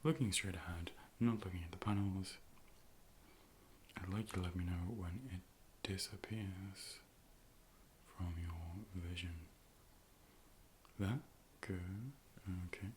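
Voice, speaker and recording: In an ASMR role play, a man acts as an optician, speaking softly and breathily up close to the mic, calmly instructing and reassuring and often dropping to a whisper. His voice is deep and he takes it slowly with frequent pauses, over a slight hiss or hum.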